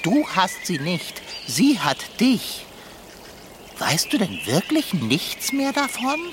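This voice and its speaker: An actor playing a grumpy, whiny talking tomcat with a lordly, fussy way of speaking in a children's radio play. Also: male voice, high-pitched, wildly swooping pitch, slow pace, background noise, heavily acted. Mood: grumbling. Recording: outdoor nature ambience behind.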